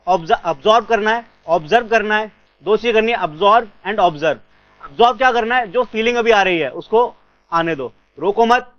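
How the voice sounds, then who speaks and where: High-voiced reassuring man coaching students. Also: a bit bright, clean tone, no room sound, lo-fi sound. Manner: reassuring, asks and answers his own questions. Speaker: CA exam coach. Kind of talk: motivational advice to students.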